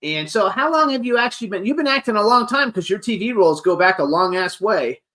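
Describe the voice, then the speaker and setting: A man's voice: high voice, lively intonation, fast, sharp tone. A man hosting a casual interview show, enthusiastic and informal, swearing freely as he chats. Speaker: talk show host.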